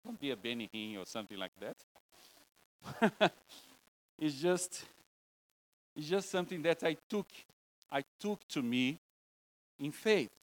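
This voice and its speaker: Speaking in broken English with a Brazilian Portuguese accent, a Brazilian man gives a loose, jokey, self-deprecating sermon in a church. His higher voice is very animated yet unhurried, with frequent pauses, and the recording is rough.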